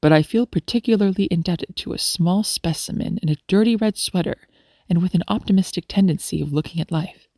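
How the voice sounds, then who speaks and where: A woman voicing a polite, cheerful young male doctor in a storybook, speaking in a lowered, courtly, teasing way. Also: a little fast, dark tone, no room sound, clean studio sound. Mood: genial.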